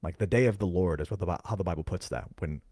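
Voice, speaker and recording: A man co-hosting a podcast, carefully explaining scripture in casual chat and slowing down to stress key words. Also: sits low, a little mellow, no room sound, clean studio sound. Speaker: podcast co-host. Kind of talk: casual Bible teaching chat.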